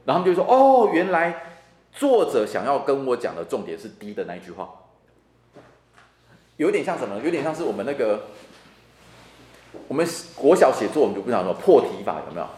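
A man's voice: medium pitch, sing-song, fairly quick, pauses often, a little mellow, reverberant. A man teaching a Bible class as a deacon, talking in a chatty way and repeating words for emphasis. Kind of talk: lively classroom Bible lecture. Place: church classroom.

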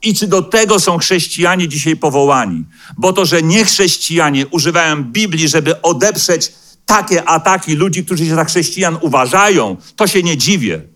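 Pastor with a higher male voice, preaching. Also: expressive, fairly bright tone. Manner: measured preaching, slows down to quote scripture, hesitates with fillers. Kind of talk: sermon. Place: church hall.

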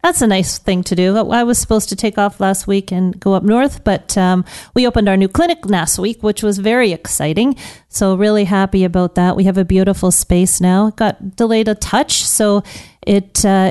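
A woman's voice: medium pitch, fairly even intonation, moderate pace, warm tone, clean tone. A woman hosting a live morning radio health show from a studio, talking as a morning show host does.

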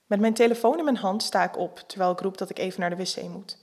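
A woman narrating a scripted erotic story in a calm, even-paced reading. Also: mid-range voice, fast.

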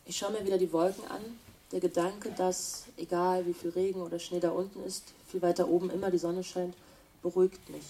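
An actress playing a female traveler who narrates her journey in a calm, reflective way. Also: fairly low pitch, a little fast, distant mic, slight background noise, natural voice. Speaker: traveler telling her story.

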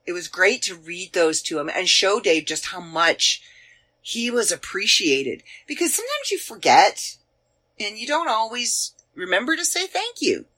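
A woman's voice: mid-range voice, very animated, unhurried, bright, forceful tone. Chatty Canadian woman in her forties. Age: 40s. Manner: chatty, rambling, searching aloud with fillers. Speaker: podcast host. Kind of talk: casual chat looking back on past episodes.

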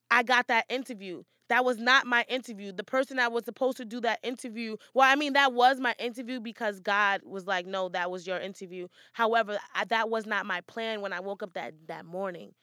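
Upbeat bright-voiced woman podcast host. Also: fairly high pitch, smooth, no echo, clean studio sound. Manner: upbeat and motivational, chatty. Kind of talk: casual solo podcast monologue.

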